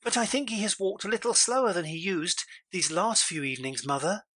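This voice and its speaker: A woman voicing an earnest, gentle young boy, an eldest son, with a slightly husky voice in an audiobook. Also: medium pitch, lively intonation, brisk, no echo, studio quality. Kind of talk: dramatised audiobook character voice.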